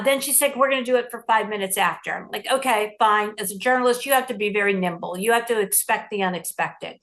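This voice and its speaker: A middle-aged woman journalist recounting a story in an interview, lively and acting out the lines she quotes. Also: mid-range voice.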